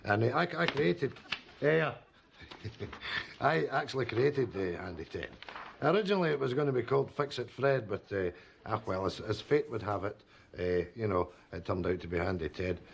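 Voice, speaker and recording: An actor playing a bumbling old cartoonist who rambles with many hesitations and restarts in a sketch comedy. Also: male voice, lowish voice, expressive, moderate pace, gravelly, slight background noise. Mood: proud. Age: older.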